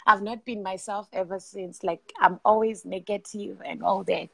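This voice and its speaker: A young woman from Zimbabwe, calling in over video and speaking softly and haltingly. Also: mid-range voice, steady tone, gravelly, crowd noise. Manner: soft, halting, many fillers. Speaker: caller. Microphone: video call.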